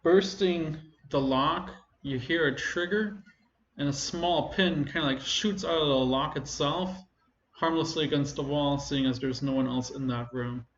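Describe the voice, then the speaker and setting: A man runs a tabletop game, describing the scene in a relaxed, halting way full of pauses. His voice sits somewhat high for a man. The recording is roomy and dull, like low-fi online voice chat. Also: slight background noise. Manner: casual and halting, many fillers. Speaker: game master.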